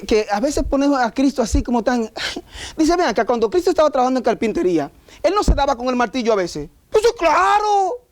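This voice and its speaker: A man's voice: very high voice, a little mellow. A man preaching a sermon as pastor, emphatic and full of rhetorical questions. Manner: emphatic, rhetorical questions, mock voices of objectors.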